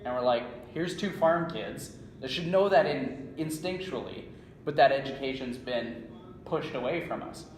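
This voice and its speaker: Here a strength coach from a small Saskatchewan town, Canadian accent and mid-range voice, speaks at normal speed as an interview guest. His explanations are conversational, frequently punctuated by "right?" Recorded in an indoor conference room, the audio carries a roomy echo, faint ambience and slight background noise.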